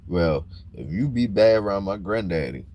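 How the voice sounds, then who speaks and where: Low, dark-voiced man. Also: moderate pace. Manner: blunt, plain-spoken, animated when worked up. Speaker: livestream host. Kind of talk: casual livestream talk.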